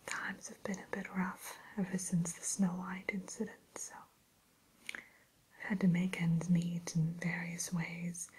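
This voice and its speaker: A woman's voice: fairly low pitch, a little mellow, low-quality recording. Woman playing a whispering, haughty Evil Queen. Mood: haughty, aloof. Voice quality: breathy whisper. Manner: genteel, aloof, unhurried, hesitant pauses. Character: haughty evil fairy-tale queen turned mirror shopkeeper. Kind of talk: whispered ASMR roleplay.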